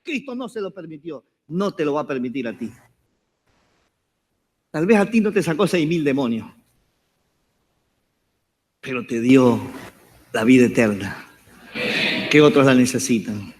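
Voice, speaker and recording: A man's voice: medium pitch, expressive, measured pace, long pauses. A man preaching a sermon to his congregation as apostle, fervent, joking at times and calling on listeners to repeat his phrases. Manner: jokes and rises to shouts at times.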